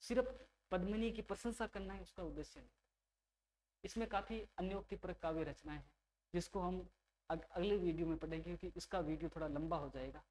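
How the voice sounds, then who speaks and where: Man teaching a relaxed exam lecture. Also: high voice, brisk, a little hiss or hum. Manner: conversational, repeats key names, addresses students as "bhai".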